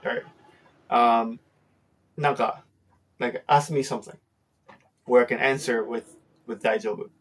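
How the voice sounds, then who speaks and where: A man's voice: mid-range voice, steady tone, normal speed, long pauses, breathy edge, far from the mic. A man hosting a casual lesson on a Japanese phrase, talking with many fillers and acting out example lines. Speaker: host teaching Japanese phrases.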